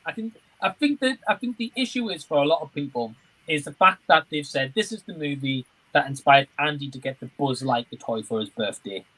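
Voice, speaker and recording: Reading out viewer comments on his livestream, a man talks in a friendly, casual, slightly rambling way. His voice is fairly high, brisk, bright and forceful, with lively intonation and a slight roughness. The audio is poor.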